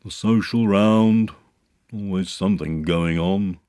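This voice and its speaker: A man voicing a gloomy, self-important donkey in a storybook reading, speaking in a ponderous, drawn-out way. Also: low-pitched, mellow, clear, resonant tone, no room sound, studio quality. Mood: gloomy, resentful. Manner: ponderous, pompous, drawn-out delivery. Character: gloomy, self-important, long-suffering old grey donkey.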